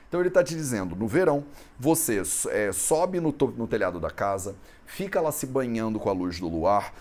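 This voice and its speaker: A man's voice: mid-range voice, a little mellow. A man from Brazil teaching an Ayurveda lesson in a conversational way, often ending phrases with a questioning tag. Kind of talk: explanatory lesson on Sanskrit texts.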